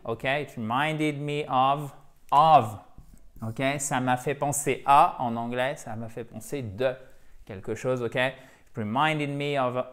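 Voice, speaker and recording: In a video English lesson, a male teacher whose first language is French speaks in a mid-range voice. He explains things patiently, repeats key words, and checks in with the viewer often.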